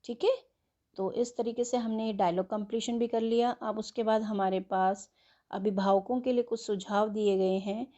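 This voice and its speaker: A woman teaching an English worksheet, slowly spelling words letter by letter and explaining them in Hindi. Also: mid-range voice, fairly even intonation, warm tone, lo-fi sound. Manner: slow and patient.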